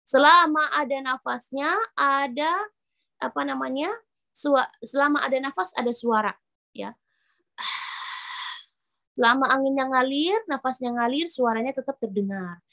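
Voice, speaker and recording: A woman's voice: high-pitched, a little slow, vocal fry, long pauses, bright, forceful tone. A woman teaching Arabic letter pronunciation, explaining patiently, repeating each point and demonstrating the sounds. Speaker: Quran recitation teacher.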